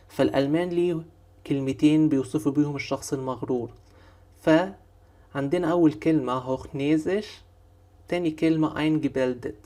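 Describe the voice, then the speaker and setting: A man with an Egyptian Arabic accent teaching a German vocabulary lesson, patiently repeating each word slowly. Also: mid-range voice, a little mellow. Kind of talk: online language lesson.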